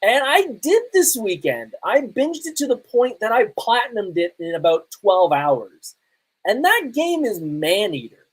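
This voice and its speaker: Chatting solo on his podcast about pop culture and games, a man in his thirties sounds conversational, enthusiastic and emphatic. His voice sits high and slightly rough, swinging widely in pitch at a measured pace. The audio quality is poor.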